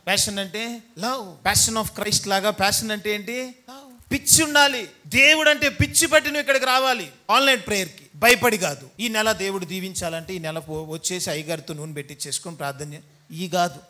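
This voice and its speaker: A male pastor preaches at a rapid clip in a bright, forceful voice. He teases and scolds the congregation in a church hall and slips into the voices of everyday people to make his point. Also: high-pitched. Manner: acts out quoted voices in everyday scenes. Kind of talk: sermon.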